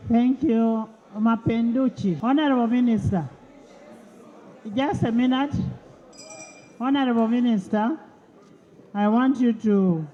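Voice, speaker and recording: A man chairs parliament in a slow, unhurried delivery with a high yet mellow voice. He speaks in a commanding tone to keep order in the chamber. The audio sounds dull, like lo-fi broadcast sound.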